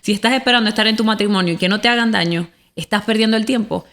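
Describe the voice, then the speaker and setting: A woman at a medium pitch speaks earnestly and reflectively, sharing a faith testimony on a podcast. Her delivery is casual and conversational. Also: rapid-fire, a bit bright. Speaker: podcast co-host.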